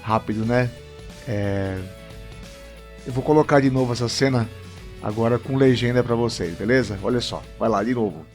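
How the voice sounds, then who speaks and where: A man's voice: medium pitch, moderate pace, soft background music. A Brazilian man teaching English in a video lesson at a whiteboard, explaining step by step and often checking in with viewers. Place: room with a whiteboard.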